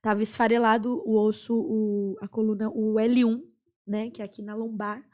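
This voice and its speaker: A young woman with a Brazilian Portuguese accent, a podcast guest earnestly telling a personal story with many pauses and fillers. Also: a little high, little pitch movement, darkish tone. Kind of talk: personal testimony in a podcast chat.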